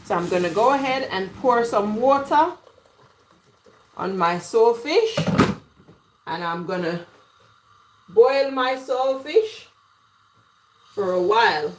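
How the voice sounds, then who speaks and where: A woman's voice: a little high, lively intonation, slow, pauses often, slight background noise, rough recording. A woman hosting a casual live cooking stream from her home kitchen, chatty and greeting viewers by name. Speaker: cooking livestream host. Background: washing machine running.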